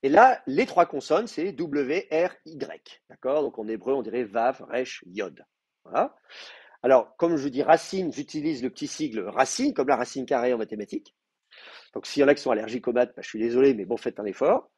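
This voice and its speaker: A man's voice: medium pitch, animated, normal speed, darkish tone, husky, no room sound. A man lecturing a class, explaining patiently with many fillers and restarts. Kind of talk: university lecture.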